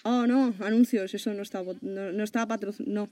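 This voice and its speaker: A woman's voice: medium pitch, steady tone, brisk, warm tone. Chatty woman podcast host. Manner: chatty, laughs often, swears casually. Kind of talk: casual podcast chat.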